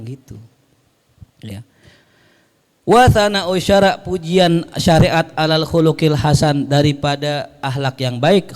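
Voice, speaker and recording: A man's voice: a little high, darkish tone. Joking preacher man. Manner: reads Arabic then explains in colloquial Jakarta slang, joking. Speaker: Islamic preacher. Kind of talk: casual religious lecture with Arabic readings.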